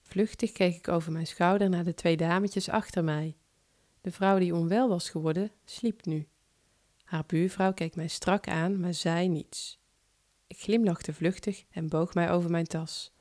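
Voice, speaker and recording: A woman author narrating her own first-person short story in a calm, measured reading voice. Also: fairly low pitch.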